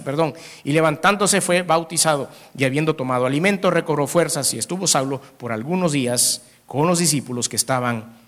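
A man delivers a sermon in a slightly high voice. He reads scripture aloud and punches key phrases with sudden rises. He keeps putting questions to the listeners. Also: fairly bright tone. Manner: emphatic, with sudden rises in pitch and volume. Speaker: pastor.

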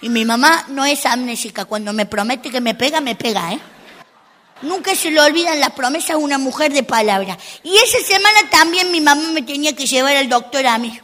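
Brief: woman comic as a sassy little girl, high, bright, indignant asides. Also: animated, fairly quick. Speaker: stand-up comic in character. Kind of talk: comic monologue.

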